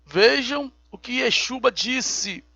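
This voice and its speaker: A man teaching a recorded Bible lesson, explaining each term slowly and step by step. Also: extremely high pitch, gravelly, bright, forceful tone, dry recording, soft background music. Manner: slow, deliberate, explains terms step by step.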